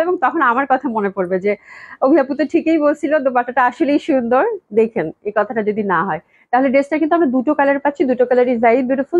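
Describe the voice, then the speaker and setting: A woman's voice: fairly high pitch, no echo, lo-fi sound. A woman, chatting casually as she sells clothes on a live stream, greeting viewers by name and repeating her praise. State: slightly hoarse from a cold. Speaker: online clothing seller hosting a live sale.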